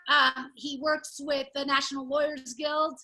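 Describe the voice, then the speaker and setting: A woman's voice: high-pitched, level tone, unhurried, noisy background. A woman hosting a comedy show over a video call, loose and chatty, cursing casually. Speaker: show host.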